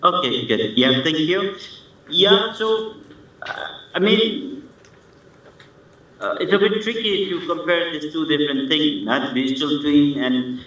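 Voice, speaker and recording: A man's voice: fairly high pitch, animated, a little slow, long pauses, fairly bright tone, heavy reverb, far from the mic. Man on a dull remote line. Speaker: panelist. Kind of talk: panel discussion answer.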